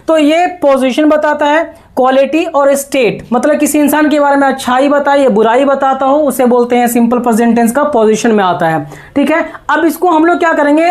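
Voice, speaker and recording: High-voiced woman teaching grammar. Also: darkish tone. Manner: slow, repetitive, checks understanding often. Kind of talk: classroom lesson explaining grammar.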